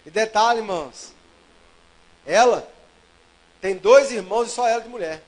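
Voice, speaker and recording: A preacher whose voice sits unusually high for a man. He tells a story from the pulpit, his delivery rising to loud bursts and dropping to near-hushed asides. It is a lively, conversational sermon. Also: measured pace, poor audio. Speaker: pastor.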